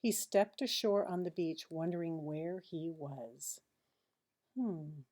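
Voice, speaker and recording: With a low voice, a woman brings a children's picture book to life in a teacherly read-aloud. Her expressive delivery is full of hushed asides and dramatic pauses.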